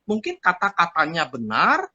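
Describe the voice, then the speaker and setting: Man from Indonesia, communication expert guest; bright, husky, lively delivery in a dry close recording. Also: a little high, moderate pace, no echo, dull audio. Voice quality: loud, forceful voice. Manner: animated, acts out quoted speech. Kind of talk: live-stream talk.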